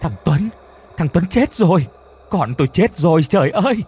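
A man's voice: fairly high pitch, lively intonation, moderate pace, a little mellow, breathy edge, pitched above the performer's own voice. A man voicing a frantic elderly grandmother who shrieks and wails. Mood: wailing. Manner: shrieking, wailing.

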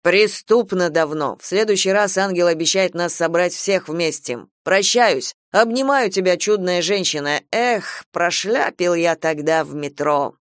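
A woman's voice: fairly low pitch, a little slow, few pauses, no room sound, clean studio sound, close to an everyday voice. A woman reading an audiobook voices an older man who chats easily and gallantly on the phone. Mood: jovial. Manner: jovial, flirtatious ease.

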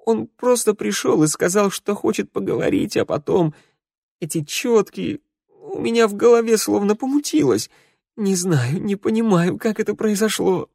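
A man voicing a distraught young undead man who sobs and begs, his voice high and breaking. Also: expressive, takes it slowly, no echo, studio quality. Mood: pleading, tearful. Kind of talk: audiobook character voice.

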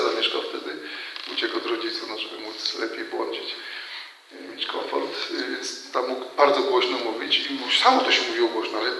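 A man's voice: mid-range voice, creaky, sharp tone, distant mic. A man, a priest, giving an earnest retreat talk, telling a story with frequent restarts and repeated words. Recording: very echoey hall, faint noise.

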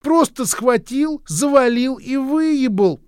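A man voicing a gaunt, unhinged woman who makes slow, insistent accusations in a high, strained voice. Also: lively intonation, darkish tone, clear, resonant tone, no echo, studio quality, heavily acted. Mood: shrill insistent.

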